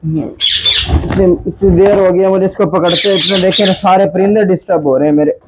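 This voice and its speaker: A man's voice: high-pitched, fairly even intonation, moderate pace. A man from Pakistan, vlogging casually about his birds in an indoor aviary and complaining in frustration. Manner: exasperated, complaining chatter. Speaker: bird keeper vlogger. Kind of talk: casual vlog narration. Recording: noisy aviary with bird squawks. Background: birds chirping and squawking.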